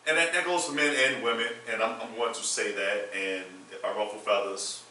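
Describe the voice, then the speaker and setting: A man's voice: lowish voice, fairly even intonation, fairly quick, sharp tone, a little hiss or hum. A man hosting a panel talk show, blunt and outspoken in casual discussion. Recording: echoey room from far off.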